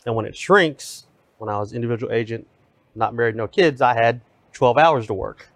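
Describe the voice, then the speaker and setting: A man in his forties from Texas, a real estate team leader telling his story in a casual podcast conversation in a steady, matter-of-fact way. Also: medium pitch, moderate pace, dry recording. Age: 40s.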